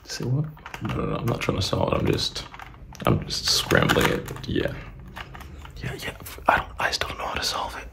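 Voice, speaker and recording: A young man doing fast ASMR, a whispered role-play in a murmured, casual, repetitive way, close to the mic. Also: on the low side, wildly swooping pitch, creaky. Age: young adult. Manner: murmured, casual, repeating phrases. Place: small room indoors. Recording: noisy close-up recording with clicking, tapping.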